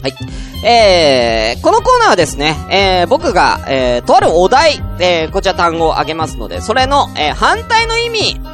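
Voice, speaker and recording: A man hosting an unedited solo internet radio show, grumbling and venting in a casual way, his voice getting hoarse. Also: high voice, huge pitch swings, normal speed, music in the background. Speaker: host.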